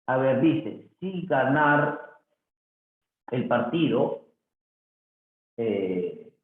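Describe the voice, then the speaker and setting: A man teaching a grammar review lesson, slowly reading answers aloud and repeating them for the student. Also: medium pitch, lively intonation. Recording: echoey, phone-like lo-fi audio.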